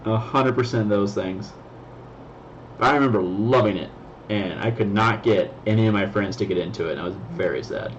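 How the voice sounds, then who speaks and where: A laid-back co-host chats casually with a friend, using slang and laughing easily, his voice a little on the low side. The audio sounds somewhat dull and lo-fi, with a faint hiss underneath.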